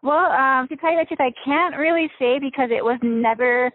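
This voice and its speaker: A young woman from Hawaii, a freediving spearfisher, talking casually as an interview guest with many ums and soft laughs. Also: high voice, brisk, breathy edge, no echo. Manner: relaxed, chatty with frequent ums and soft laughs. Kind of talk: casual interview over the phone. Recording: tinny phone line, dry.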